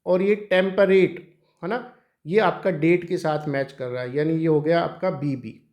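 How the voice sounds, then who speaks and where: Man, teacher, Indian English accent, high voice, echoey room. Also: fairly even intonation, a little slow, darkish tone. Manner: asks the class questions and answers them himself. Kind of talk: exam prep lecture on poetry.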